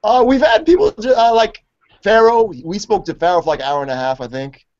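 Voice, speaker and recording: A man hosting a college radio interview, relaxed and joking, always saying "you know what I'm saying". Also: sits high, brisk. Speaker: radio show host. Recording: dull lo-fi radio recording.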